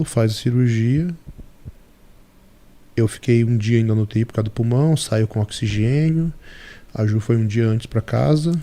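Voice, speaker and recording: A man as a podcast guest, telling a story in a lively way and acting out the dialogue. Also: mid-range voice.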